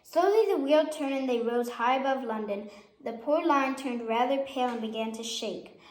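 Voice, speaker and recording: High-pitched woman reading a children's story. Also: normal speed, darkish tone. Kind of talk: children's picture-book read-aloud. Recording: echoey room.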